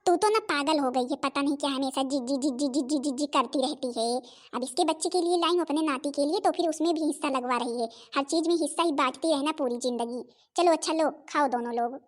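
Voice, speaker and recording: A woman's voice: high-pitched, quick pace, close to an everyday voice. A woman voicing a scheming older mother who stirs trouble in her daughter's in-laws' home, scolding and sneering in a Hindi cartoon.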